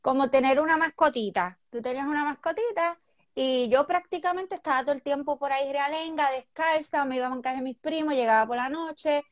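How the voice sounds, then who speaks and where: A woman from Puerto Rico in her thirties with a Puerto Rican accent, a guest telling her life story in a casual interview, speaking softly and candidly with some hesitation. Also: high voice, a little fast, no echo, clean studio sound. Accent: Puerto Rican Spanish.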